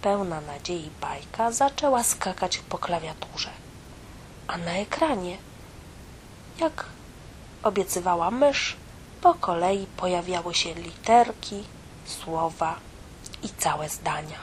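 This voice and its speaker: A woman narrating a children's fairy tale in a soft, often half-whispered storytelling voice. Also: fairly low pitch, lively intonation, slow, pauses often, a little hiss or hum, low-quality recording.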